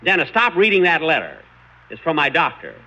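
A man's voice: fairly high pitch, wildly swooping pitch, fairly quick, exaggerated voice. An actor in a 1940s radio sitcom, playing a vain, easily flustered middle-aged male star with an exasperated, fussy way of scolding. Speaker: comedy star of a radio show, playing himself. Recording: muffled 1940s radio broadcast with loud hiss.

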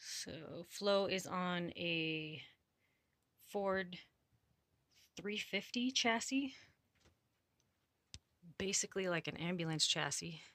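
A woman's voice: lowish voice, slow pace, long pauses, a bit bright, no echo. A woman in her thirties giving a casual, explanatory video tour inside a small RV trailer. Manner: informal, explanatory.

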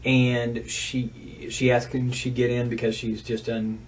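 A man's voice: medium pitch, flat delivery, slow pace. An American man questioning as a police detective, methodically repeating details back. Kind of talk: interrogation questioning. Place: small bare interview room, indoors. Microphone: distant room camera. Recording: distant, noisy surveillance recording.

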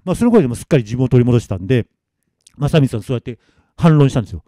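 A male storyteller tells a ghost story live, hushed and dramatic, acting out each character in turn. His pitch swings widely, his tone is mellow, and the sound is close and dry. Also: expressive, rapid-fire, no room sound. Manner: hushed, dramatic, acts out every voice.

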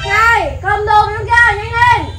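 A woman arguing as the wife in a staged family quarrel, bossy and shouting back. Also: very high voice, measured pace, noisy background. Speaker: wife in a prank video.

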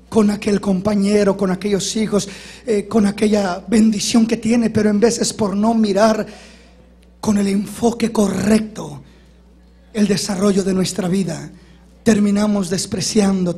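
A man preaching an impassioned sermon in a very high, husky voice. He acts out the complaints he quotes, swinging between raised, forceful lines and low, quiet ones. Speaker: pastor.

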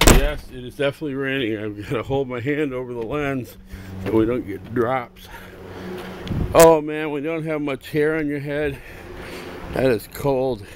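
Slow rambling middle-aged man, noisy camera audio. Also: mid-range voice. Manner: rambling, halting, self-amused. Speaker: toy customizer vlogger. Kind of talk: casual show-and-tell vlog. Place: cluttered home workshop and garage. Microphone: handheld camera, filming first-person.

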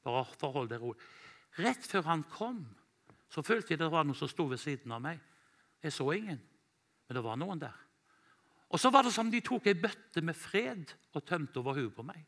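A man from Norway, an evangelist, telling a story in a church sermon, animated and quoting himself and others. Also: on the high side. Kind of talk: sermon testimony.

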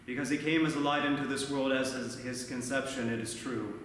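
A man in his thirties, a priest giving a measured, earnest sermon at a lectern, recorded from far off in a large church. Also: medium pitch, fairly even intonation, a bit bright, heavy reverb, big-room sound, a little hiss or hum. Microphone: far camera, no mic seen.

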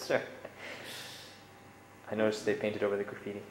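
A man's voice: lowish voice, huge pitch swings, a little slow, reverberant, low-quality recording. A man with a nasal voice giving a joking, casual walking tour of a stairwell and street, filmed on a handheld camera. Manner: joking, teasing commentary while walking. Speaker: vlogger touring a friend's home. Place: apartment stairwell then city street. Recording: loud street and ambient noise.

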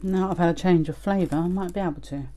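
A woman's voice: on the low side, fast talker, dark tone. A middle-aged woman making short, casual mukbang remarks between bites as she eats. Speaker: mukbang host. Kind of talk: casual eating commentary. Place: small furnished room indoors, seated at a table.

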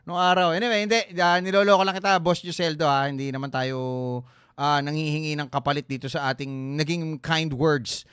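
A man's voice: fairly high pitch, fairly even intonation, a little fast, a bit bright, clear, resonant tone. A man hosting a casual sports talk show, joking and teasing as he chats, mixing English into his talk.

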